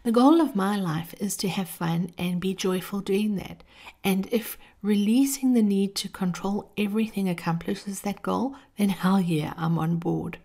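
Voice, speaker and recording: Creaky-voiced woman giving reflective encouragement. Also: mid-range voice, measured pace, darkish tone. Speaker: host of a motivational podcast. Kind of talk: reflective guided encouragement monologue.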